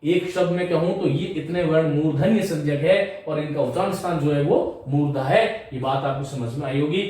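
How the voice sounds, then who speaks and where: A man's voice: a little high, a little fast, a little mellow. A male teacher giving a classroom grammar lecture, repeating sounds aloud in drills and putting questions to his students. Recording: echoey room, mic at a distance.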